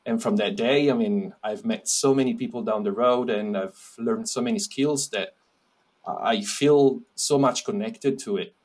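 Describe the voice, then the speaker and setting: Italian guy chatting on a podcast, lots of ums and restarts, mid-pitched voice. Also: darkish tone. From Italy. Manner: halting, with many restarts and fillers. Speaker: podcast guest. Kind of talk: casual interview chat.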